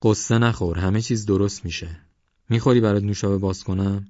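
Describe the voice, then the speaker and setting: A man's voice: fairly low pitch, fairly even intonation, darkish tone, no room sound, dull audio, close to an everyday voice. A man voicing an easygoing village shopkeeper who talks in a teasing, offhand way in an audiobook. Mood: coaxing. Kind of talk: audiobook character voice.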